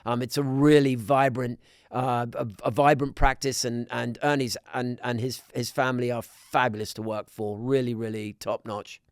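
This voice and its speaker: A middle-aged man from Scotland, a podcast guest talking in a measured way with many restarts. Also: mid-range voice, flat delivery, no echo, clean studio sound. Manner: measured, with frequent restarts and fillers. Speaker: guest, business council president. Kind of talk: conversational podcast interview.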